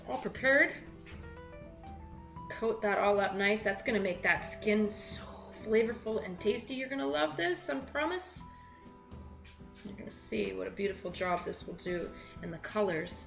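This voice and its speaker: A young woman hosts a web cooking show from the counter of a large home kitchen, chatting upbeat and casual while working with her hands. Her voice is fairly high, pushed and bright, in an echoey room with light background music.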